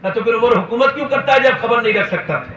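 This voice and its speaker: A man preaching a sermon, shifting between quiet storytelling and loud impassioned shouting, and sometimes scolding his listeners. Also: very high voice, lo-fi sound. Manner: swings from soft storytelling to shouted climaxes; scolds the audience directly. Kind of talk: impassioned religious speech. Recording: echoey hall, voice from far off, faint ambience.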